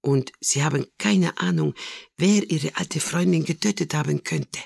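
An excitable older Italian woman, dramatic and warm-hearted, as a man puts her on in a storybook reading. She bursts out in emphatic, raised, loud phrases. The voice keeps a gravelly edge in a dry close sound. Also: a little high, a little slow, no room sound, voice pushed up, heavily acted. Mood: emotional. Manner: emphatic, emotional outbursts.

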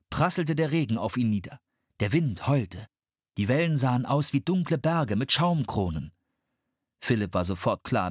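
A male audiobook narrator tells a storm at sea with expressive storytelling. His voice is a little husky and moves through a lively pitch range. The close studio recording is dry. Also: no echo.

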